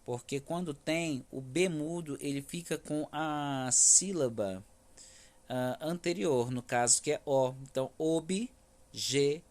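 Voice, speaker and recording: A man's voice: a little high, slow, a little mellow. A male primary school teacher with a Brazilian Federal District accent, giving a remote class and patiently checking in with his students after each point. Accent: Brazilian Portuguese, Federal District. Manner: patient, stresses words syllable by syllable, frequent "tá?" checks.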